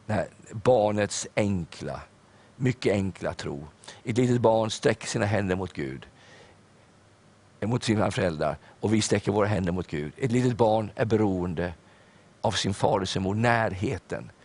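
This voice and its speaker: Older male pastor, lowish voice, sermon delivery, earnest storyteller. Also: darkish tone. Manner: storytelling, earnest, with filler hesitations.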